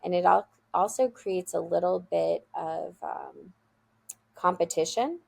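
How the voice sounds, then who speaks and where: A school founder appears as a podcast guest, answering interview questions earnestly and emphatically while often restarting her words. Her loud voice is lowish and creaky, and she keeps a measured pace.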